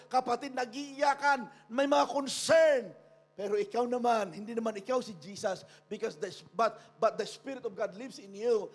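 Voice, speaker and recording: Filipino male pastor, very high voice, impassioned sermon delivery. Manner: preaching in Tagalog mixed with English, rising to shouts. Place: church.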